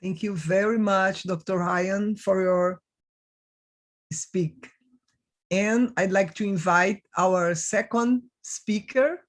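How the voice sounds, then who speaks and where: A woman moderating an online conference, introducing speakers formally with careful, deliberate phrasing over a video call. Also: mid-range voice. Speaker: session moderator.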